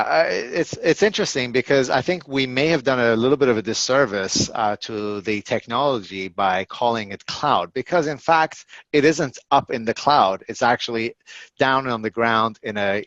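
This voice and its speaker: A man in his fifties, an executive answering interview questions in a halting, casual way, full of fillers and restarts. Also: on the low side, a bit bright, dry recording. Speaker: tech company executive guest. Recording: dull, lo-fi and dry.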